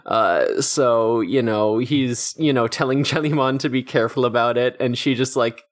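A man talking through an episode in a loose, rambling way, leaning on fillers as he goes. His pitch sits in an ordinary middle range. It is a relaxed podcast chat among friends. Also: normal speed. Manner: loose, filler-heavy storytelling with swearing. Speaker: podcast co-host. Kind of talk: casual recap chat.

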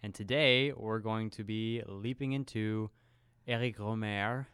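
A man co-hosting a film podcast, talking in a relaxed, conversational way. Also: lowish voice, a little slow, clear, resonant tone, no room sound, studio quality. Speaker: podcast co-host. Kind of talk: casual film podcast chat.

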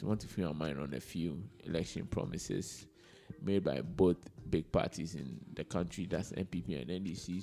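A man's voice: low-pitched, vocal fry, dark tone. A man with a Ghanaian accent hosting a casual podcast, chatting in an informal, slangy way and repeating words for emphasis. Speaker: podcast host. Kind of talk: casual unscripted podcast chat. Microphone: held microphone in a recorded session.

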